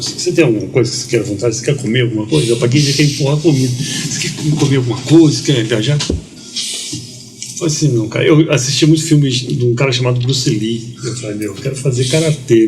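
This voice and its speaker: Man telling a lively slangy story. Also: mid-range voice. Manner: lively storyteller, slangy, quotes people in dialogue. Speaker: guest. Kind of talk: casual storytelling.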